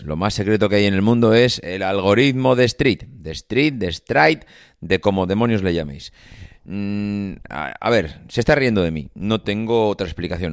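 A podcast host with a Spain Spanish accent gives a casual, rambling monologue full of hesitations. His fairly low voice is hoarse and nasally congested from a cold that's coming on, and the recording is dry and studio quality.

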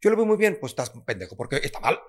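A man's voice: fairly high pitch, very animated, very fast. A man with a Mexican accent, a podcast guest who speaks bluntly, swears freely and acts out other people's lines. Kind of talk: candid podcast conversation.

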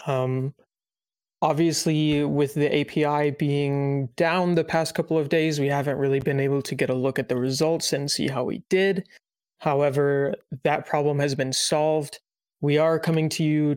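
An excitable young man co-hosts a casual gaming podcast, swearing freely as he talks. His voice sits fairly high and comes across smooth and crisp. The sound is dry and close, with no room around it. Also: moderate pace, no room sound. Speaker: podcast co-host.

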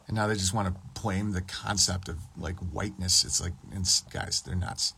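Gravelly man rambling on a livestream. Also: low-pitched, level tone, moderate pace, pushed and bright, a little hiss or hum. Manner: rambling, profane, loses his train of thought. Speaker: podcast streamer. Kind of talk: casual livestream monologue.

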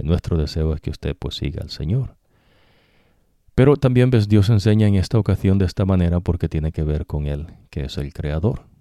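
A man's voice: low voice, gravelly, warm tone, no echo, clean studio sound. A man teaching the Bible in a sermon style, conversational and full of rhetorical tag questions, dropping English "so" into his talk.

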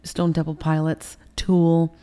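A middle-aged woman as an interview guest, telling a personal story candidly and emotionally, swearing and acting out heated quotes with sudden loud bursts. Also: low-pitched, monotone, slow, clear, resonant tone.

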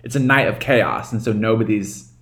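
A man's voice: on the low side, normal speed, fairly bright tone. A man chatting casually as a podcast guest, rambling and enthusiastic. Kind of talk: casual chat.

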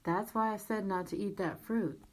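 A woman voicing a caring mother in a children's story, speaking calmly in a low, gently firm tone. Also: normal speed, dry recording, close to an everyday voice.

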